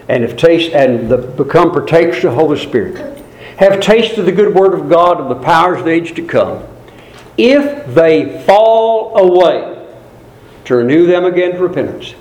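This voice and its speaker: A man delivers a sermon in a fairly high voice that leaps up on emphatic phrases and sinks low for solemn remarks. He repeats key words to drive them home. The room around him is echoey. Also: a little mellow. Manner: swings between high emphatic peaks and low grave asides; quoted crowd voices in raised pitch. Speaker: preacher.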